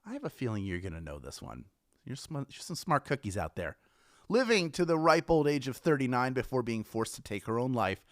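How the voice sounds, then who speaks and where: Lively, upbeat trivia host man. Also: a little high. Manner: upbeat, playful, chatty. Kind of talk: live trivia show hosting.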